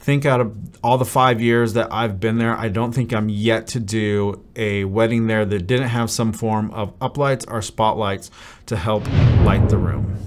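A man in his thirties speaks to camera as a wedding DJ, upbeat and practical, walking couples through each part of the day. His voice sits at an ordinary middle pitch. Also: background noise. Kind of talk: venue overview talk to camera. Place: dim studio set with brick wall.

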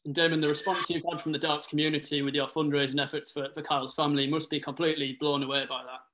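A man's voice: on the high side, level tone, fast talker, pushed and bright. A man asking press interview questions as a sports reporter.

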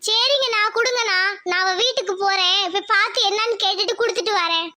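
A woman voicing a chatty, helpful young village girl in a cartoon, speaking in a lively rural manner. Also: very high-pitched, fast talker. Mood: earnest, coaxing. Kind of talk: cartoon voice acting.

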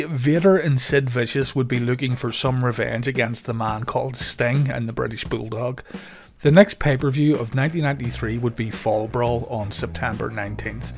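A man giving scripted documentary narration in a steady storytelling delivery. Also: medium pitch.

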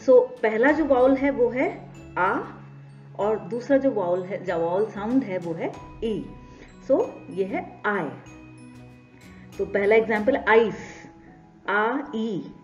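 Slow, patient Indian woman teaching phonetics. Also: mid-range voice, expressive. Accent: Indian English. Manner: patient, repeats examples slowly. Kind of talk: explanatory lesson, mixing Hindi and English. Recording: slightly dull lo-fi recording with soft background music.

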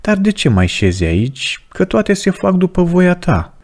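A man voicing a calm, inquisitive male monk asking questions, read in a plain storytelling voice. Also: high-pitched, pitched above the performer's own voice, exaggerated voice. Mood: questioning.

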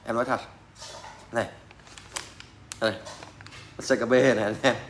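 Blunt, mocking mechanic. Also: male voice, mid-range voice, level tone, normal speed, slight background noise. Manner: blunt, mocking, swears and laughs often. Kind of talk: casual rant to fellow mechanics.

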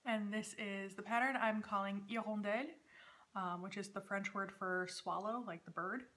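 This is a woman in her thirties who hosts a knitting podcast, speaking hesitantly in a relaxed vlog recorded indoors in her dining room. Her mid-range voice stays steady and sharp at a moderate pace.

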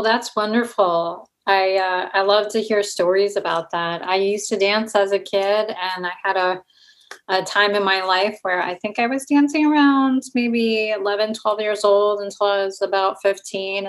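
A woman's voice: mid-range voice, fairly even intonation, a little slow. A woman hosting an interview podcast, upbeat and welcoming toward her guests. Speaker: podcast host.

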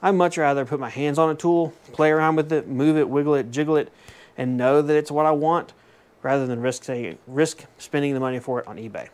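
In his small home woodworking shop, a man in his thirties who makes woodworking vlogs shows off his tools in a casual show-and-tell. He's chatty and enthusiastic, often correcting himself with jokey asides, and his voice is fairly high, a little fast, a little mellow, and smooth. A fixed camera picks him up from about desk distance.

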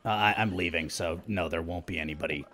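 A man voicing a casual, evasive undead killer with a husky voice and a hesitant, awkwardly polite manner in a tabletop game. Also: sits low, fast talker, bright, forceful tone.

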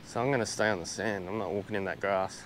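A man's voice: lowish voice, fairly even intonation, fast talker, a bit bright, a little hiss or hum. An Australian man chatting casually through a travel vlog on a beach, laid-back, with lots of fillers and restarts, recorded outdoors on a small camera-mounted mic. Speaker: travel vlogger.

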